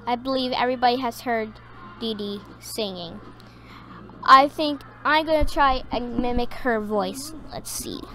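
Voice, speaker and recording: A woman's voice: a little high, unhurried, pushed and bright, faint music behind. A woman giving casual, rambling gameplay commentary, hesitating with many ums. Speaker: gaming video creator.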